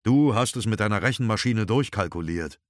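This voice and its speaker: A man's voice: lowish voice, animated, a little fast, no echo, studio quality, voice pushed up, natural voice. A man reading an audiobook, voicing a worn-down, worried middle-aged father who sounds heavy and defensive. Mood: strained weary.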